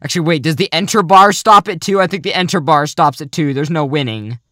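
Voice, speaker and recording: A young man hosting a casual, goofy podcast chat, talking in a mock-serious, rambling way that often trails off quietly. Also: on the high side, a little fast, no room sound, clean studio sound. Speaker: podcast host.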